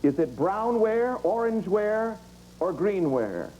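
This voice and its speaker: A man's voice: sits high, big pitch swings, takes it slowly, warm tone. A man hosting a game show and putting quiz questions to panelists. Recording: noisy 1980s TV studio broadcast.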